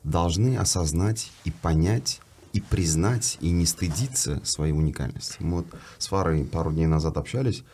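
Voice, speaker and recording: Low, husky, mellow man. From Uzbekistan. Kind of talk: casual panel discussion.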